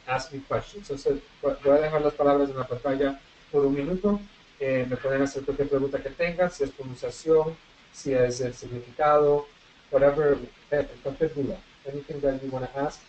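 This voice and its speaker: Guy running an online english class, mixes spanish and english, drills word pairs, mid pitch, faint hiss behind. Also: darkish tone, rough recording. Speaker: English teacher.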